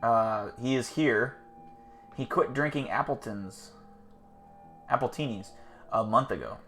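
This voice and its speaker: A man's voice: mid-range voice, unhurried, a bit bright, soft background music. A man hosting a casual livestream, rambling, swearing and joking with his chat. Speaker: livestream host.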